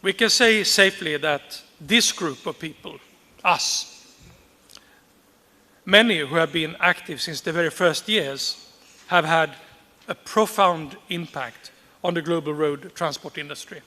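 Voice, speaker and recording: Male conference speaker, formal prepared speech, measured and emphatic, bright tone, long reverb on the voice. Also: a little high. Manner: measured, deliberate, repeats key phrases for emphasis.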